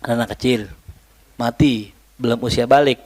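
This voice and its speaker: At normal speed and medium pitch, a man delivers an Islamic study lecture, reciting Arabic and tossing in playful, colloquial Jakarta slang for his students. The mood stays lively and humorous throughout.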